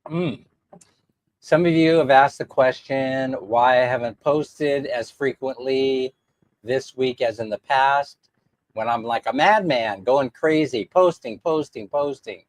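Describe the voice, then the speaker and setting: A man's voice: mid-range voice, slow pace, low-quality recording. Throaty, congested man chatting on a livestream. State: sick with a sore, congested throat. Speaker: livestream host. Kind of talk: casual livestream chat.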